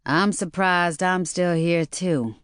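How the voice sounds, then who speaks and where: A woman's voice: mid-range voice, normal speed, a bit bright, no echo, studio quality, close to an everyday voice. A woman narrator voicing a shaken young woman care worker who whimpers and stammers. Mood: flat.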